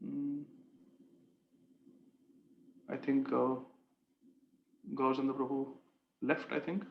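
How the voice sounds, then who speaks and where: A man giving a devotional discourse and taking questions on an online group call, speaking deliberately and emphatically. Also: mid-range voice, little pitch movement, gravelly, roomy sound, lo-fi sound. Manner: deliberate, emphatic, explains verses phrase by phrase. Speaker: spiritual teacher leading a scripture session.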